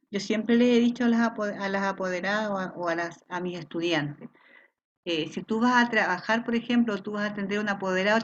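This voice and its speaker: A woman's voice: mid-range voice, a little hiss or hum. Woman, Chilean accent, online class lecture, explanatory, muffled lo-fi audio. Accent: Chilean Spanish. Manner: explanatory, checks in with frequent rhetorical questions. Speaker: teacher. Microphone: video call.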